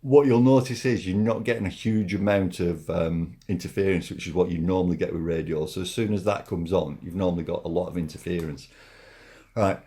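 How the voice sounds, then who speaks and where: Low-voiced man demonstrating a product. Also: fairly even intonation, dark tone. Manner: informal, halting, repeats himself while demonstrating. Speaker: product reviewer. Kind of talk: casual hands-on product demonstration.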